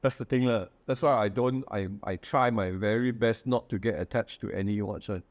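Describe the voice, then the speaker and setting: A man's voice: on the low side, a little fast. A man with a Malaysian accent hosting a casual chat in colloquial Singlish-style English, dropping in lah and other local particles. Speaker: host.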